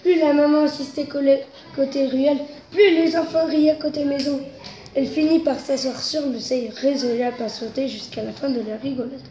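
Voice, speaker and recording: A woman's voice: sits high, steady tone, normal speed, dark tone. A woman reading a children's story aloud, telling it expressively and rising with its tension. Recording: roomy echo, faint noise.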